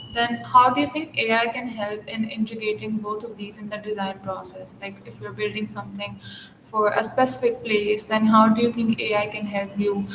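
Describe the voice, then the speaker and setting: A woman hosting a podcast, asking long, winding interview questions. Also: medium pitch. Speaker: podcast host. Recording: echoey, distant, noisy.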